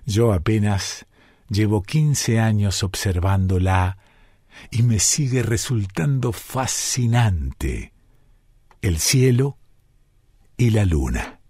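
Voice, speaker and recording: A man on the radio, reading his own prose poem in a slow, measured, contemplative way. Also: lowish voice, animated, warm tone, slightly rough, dry recording, clean studio sound. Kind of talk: reflective poetic reading.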